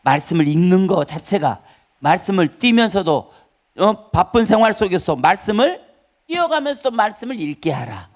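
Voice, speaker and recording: In a church sanctuary, a male pastor delivers a forceful Sunday sermon, repeating key phrases and calling on the congregation to respond. His voice is high, very animated and at a normal pace.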